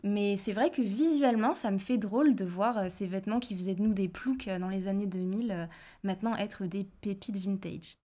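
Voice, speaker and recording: A woman interview guest talking casually, animated and full of hesitations. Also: medium pitch, a little fast. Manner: animated, many fillers.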